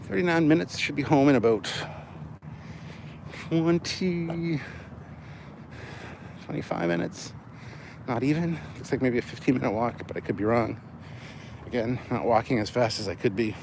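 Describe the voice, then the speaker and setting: On a noisy city street with cars passing, a man livestreams as he walks, chatting in a rambling, jokey, profane way. His mid-range voice is creaky with a darkish tone, moving at a moderate pace and pausing often.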